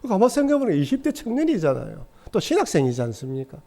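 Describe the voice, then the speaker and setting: A man's voice: high-pitched, huge pitch swings, quick pace, creaky, dark tone. A middle-aged man, a pastor, preaching a sermon in a church with earnest storytelling. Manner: earnest storytelling, acts out quoted voices. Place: church sanctuary.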